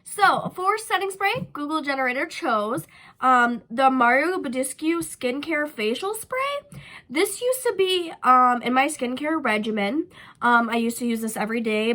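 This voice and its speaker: Her nose stuffed up from a cold, this young woman talks casually through a makeup tutorial as a beauty vlogger, dropping lots of ums and likes. She speaks at normal speed in a high, expressive, slightly bright voice with a nasal quality.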